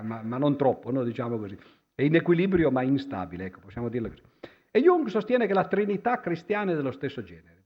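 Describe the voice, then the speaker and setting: Before an audience in a lecture hall, a man gives a public lecture with slides, speaking conversationally but hesitantly, with many fillers and restarts, and he keeps ending phrases with a questioning "no?". His voice is medium-pitched with a breathy edge, and the audio is dull.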